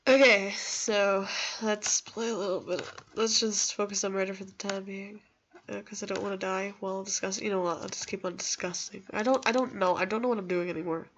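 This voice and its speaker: A young woman gaming video creator chats casually over her gameplay, rambling in a self-deprecating yet reassuring way. Her mid-range voice is steady, fairly bright and a little fast. The home computer microphone picks up slight background noise.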